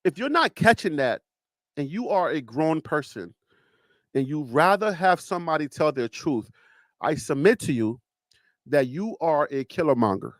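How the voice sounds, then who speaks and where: Moderately paced and animated, a Liberian-accented man hosts a live stream, arguing with emphasis while teasing and asking rhetorical questions. His pitch rises when he argues, and the commentary is casual. No room sound is present.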